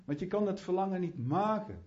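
A man's voice: sits high, lively intonation, fairly quick, a little mellow. Fervent preacher man, muffled sound. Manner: fervent, rising to prayerful fervor; chatty asides, restarts. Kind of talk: sermon.

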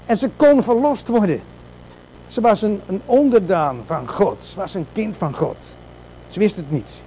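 A man's voice: high voice, lively intonation, a little slow, mellow, lo-fi sound, a little hiss or hum. A man preaching a sermon, asking rhetorical questions and repeating words for emphasis.

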